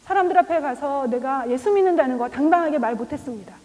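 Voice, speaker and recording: Middle-aged lady preaching, high voice, laughs through her stories, gets hushed, long chapel echo. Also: expressive, fast talker. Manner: warm storytelling with laughs, drops to a whisper for God's voice. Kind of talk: sermon. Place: church chapel. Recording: reverberant chapel.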